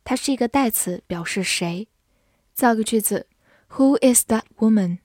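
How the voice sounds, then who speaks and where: A woman teaching English vocabulary, spelling each word out and reading example sentences slowly. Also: a little high, a little mellow, no room sound, studio quality. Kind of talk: vocabulary lesson.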